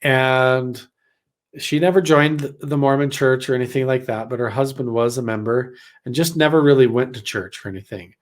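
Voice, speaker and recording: A man's voice: mid-range voice, moderate pace. Man from Idaho, casual storyteller, rambling with lots of "like", mid-range voice. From Idaho, USA. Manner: rambling, many "like" fillers, acts out quotes. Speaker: vlogger recounting a personal experience.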